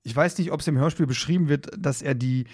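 A man's voice: a little high, brisk, a little mellow, slightly rough. Man reasoning aloud on a podcast. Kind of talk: casual podcast chat.

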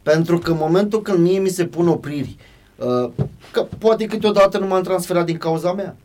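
High-voiced animated former footballer man. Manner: animated storyteller, addresses host by name. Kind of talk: casual podcast chat.

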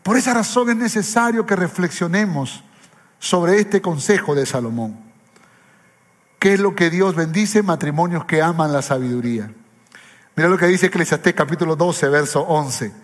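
A man's voice: on the high side, moderate pace. A man pastor preaching an impassioned sermon, fervent, repeating phrases for emphasis. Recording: reverberant hall with faint music.

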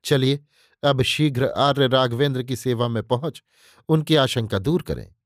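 A man's voice: medium pitch, unhurried, no echo, close to an everyday voice. A man voicing a stern young hero prince in a dramatic audiobook reading, commanding and merciless, close to his own reading voice. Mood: calm counsel. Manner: ruthless commanding cries, then calm counsel.

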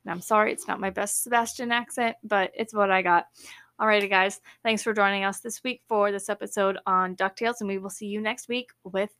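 A young woman talks through her solo podcast in an easygoing, upbeat way. She fills gaps with ums and "you know" and laughs lightly between thoughts. Her voice sits at an ordinary middle pitch. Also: fairly even intonation, fairly quick, a bit bright. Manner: chatty and upbeat, with fillers and laughs. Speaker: podcast host. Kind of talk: casual solo podcast chat.

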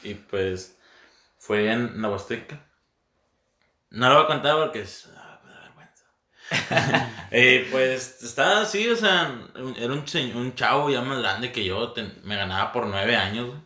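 A nineteen-year-old man with a Mexican accent chats casually in a laid-back, teasing way. His voice has a bright, forward edge at a middle pitch. The recording has a roomy echo. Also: measured pace. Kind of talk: casual chat.

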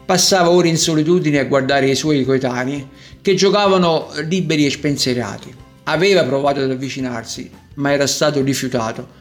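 A man narrating a children's storybook in a gentle, measured way. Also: mid-range voice, faint music behind.

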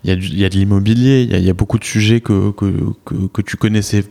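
A man with a somewhat low voice hosts a business interview. He asks long, informal questions and repeats words as he goes. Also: steady tone, rapid-fire, vocal fry, warm tone.

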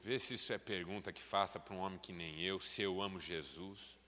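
A preacher voicing a scornful, angry preacher. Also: male voice, low-pitched, fairly even intonation, a little fast, pushed and bright. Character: proud angry male preacher, resentful. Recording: long hall reverb.

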